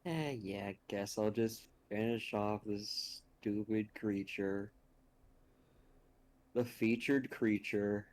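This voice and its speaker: Slow-drawling woman playing a tabletop game. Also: very deep voice, darkish tone. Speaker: player. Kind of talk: casual tabletop game play.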